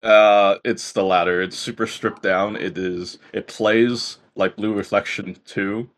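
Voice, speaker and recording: A man co-hosting a casual video game chat, animated, who acts out game dialogue in high mocking voices and laughs often. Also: measured pace. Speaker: podcast co-host reviewing games.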